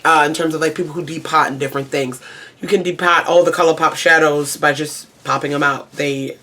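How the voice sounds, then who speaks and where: Rambling low-pitched woman reviewing makeup. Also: a bit bright. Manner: rambling, often doubles back and repeats herself. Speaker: beauty reviewer. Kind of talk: casual makeup review to camera.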